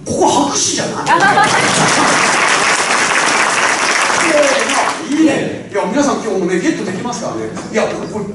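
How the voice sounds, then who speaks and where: A man giving a speech-coaching seminar to a live audience on a handheld microphone, animated and laughing often as he swings between loud and soft delivery. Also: extremely high pitch, very echoey, far from the mic, noisy background. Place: large hall with a microphone.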